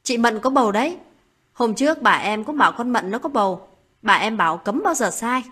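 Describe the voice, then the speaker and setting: A woman voicing a young village girl in a read-aloud story, confiding gossip urgently with a husky voice. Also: a little high, animated, fairly quick, a bit bright.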